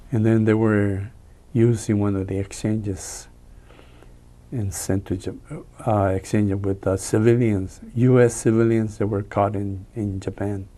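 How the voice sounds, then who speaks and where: A man in his nineties from Peru, recalling his childhood and family in a halting oral history interview. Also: on the low side. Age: 90s. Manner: halting, flat recollection.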